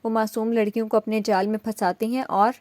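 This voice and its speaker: A woman's voice: a little high, flat delivery, no room sound, natural voice. Woman reading as a teasing protective young man. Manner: mocking, soft-spoken.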